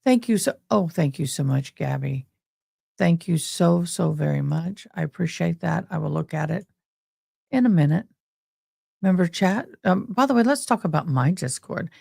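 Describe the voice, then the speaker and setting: A woman hosts a livestream with heavy, gravelly fry in her voice. She chats casually and folksily, speaking straight to her viewers. The sound is close and dry. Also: lowish voice, lively intonation, moderate pace, warm tone, no room sound. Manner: folksy, talks directly to viewers with y'all. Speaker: livestream host. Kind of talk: casual livestream chat and commentary.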